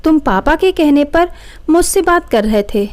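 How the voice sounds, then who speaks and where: Lady reading as a stubborn angry young wife, sharp and defiant, bit high. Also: lively intonation, normal speed.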